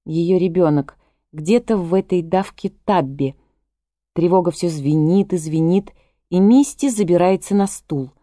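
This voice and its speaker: A woman reading a literary novel aloud as audiobook narrator, in a measured, even way, close to a studio mic. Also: on the low side, no echo.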